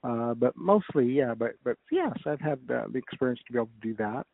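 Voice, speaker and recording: A middle-aged American man chatting casually as an interview guest over the phone, recalling things in a rambling, halting way. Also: medium pitch, lively intonation, creaky, no echo. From United States. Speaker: guest, comedic ventriloquist. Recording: narrow, dull radio-like phone line.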